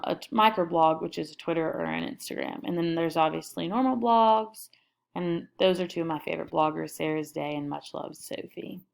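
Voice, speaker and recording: A young woman talks through a screen recording of her own website, her lowish voice full of vocal fry. She keeps it casual and upbeat, running through lists of links and sections. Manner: casual, upbeat listing of items. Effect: screen recording voice-over. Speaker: student presenting her class website. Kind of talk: screen recording walkthrough narration.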